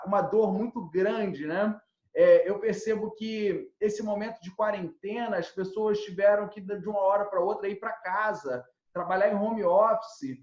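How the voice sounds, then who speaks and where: A man hosting a live stream, reading out viewer questions in a loud, talkative way. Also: high voice. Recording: roomy and dull lo-fi live audio.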